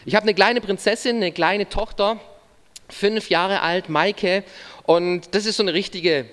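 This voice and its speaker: A pastor in his thirties preaches a sermon earnestly, addressing the listener directly in short phrases. His voice is high, unhurried, and fairly bright, and the recording carries the long reverb of a large hall.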